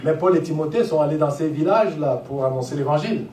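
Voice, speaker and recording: A man interpreting a sermon into French phrase by phrase, pausing and restarting as he finds the words. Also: a little high, mellow, slight background noise. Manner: hesitant, with restarts and fillers while translating. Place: church conference hall. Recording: echoey hall, voice from far off the mic.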